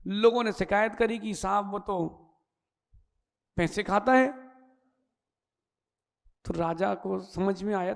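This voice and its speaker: High-voiced man preaching in an echoing hall. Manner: lively storyteller acting out characters, folksy asides. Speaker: Jain monk giving a discourse. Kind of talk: sermon with storytelling. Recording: long hall reverb.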